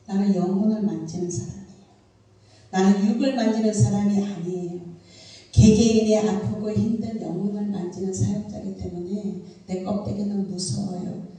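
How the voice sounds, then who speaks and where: A middle-aged woman pastor preaches to her congregation with a mellow, dark tone. She tells stories animatedly and breaks into loud bursts. She is heard from a distance in a very echoey church hall with faint background noise. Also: medium pitch. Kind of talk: sermon.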